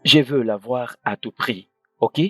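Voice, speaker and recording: A man voices a spoiled young prince with a husky, level voice, haughty and dismissive in a dubbed film. The sound is close and dry, with soft music underneath. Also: mid-range voice, a little slow, no room sound, natural voice. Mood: scornful. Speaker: dubbing actor.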